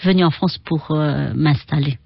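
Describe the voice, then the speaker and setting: A middle-aged woman from China, with a Chinese accent, speaking as an interview guest who often pauses and searches for words. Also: low-pitched, gravelly, no room sound, muffled recording. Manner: halting, searching for words with many fillers. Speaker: guest, Qigong and Tai Chi teacher. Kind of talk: radio interview.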